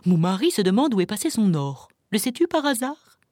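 A woman's voice: medium pitch, very animated, fairly quick, warm tone, no echo, clean studio sound. A woman voicing the giant, stern wife of an ogre, brusque and bossy.

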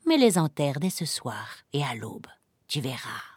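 A woman's voice: a bass voice, big pitch swings, a little slow, a little mellow, husky, dry recording, clean studio sound, voice pushed down, full character voice. A woman voicing a sly old man who sells magic beans, coaxing and dropping to a whisper. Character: sly old male bean seller.

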